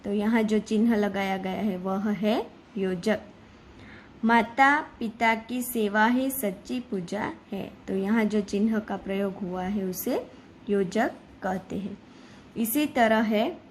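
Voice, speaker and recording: Slow, patient woman teacher. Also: on the high side, a little hiss or hum, low-quality recording. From Gujarat. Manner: slow, patient explaining, reading examples aloud. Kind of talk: Hindi grammar lesson.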